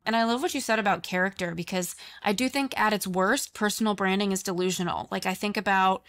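A woman's voice: mid-range voice, fast talker, fairly bright tone. Chatty woman guest, lots of fillers. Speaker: guest, speech coach. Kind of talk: conversational interview.

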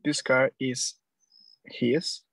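Hesitant student reading very slowly. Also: medium pitch, flat delivery, gravelly. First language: Spanish. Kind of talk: reading examples aloud in class.

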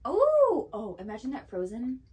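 A woman's voice: medium pitch, lively intonation, normal speed. A woman co-hosting a casual taste-test video, dramatic and squeamish, laughing often. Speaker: co-host.

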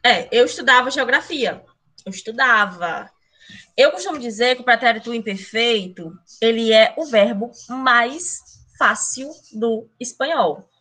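A woman teaching Spanish in an online class, with a bright, clear voice set somewhat high. She calls herself "a tia" and explains in a chatty, teacherly way. She speaks into a computer mic on a video call. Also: a little slow. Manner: speeds up when excited about grammar.

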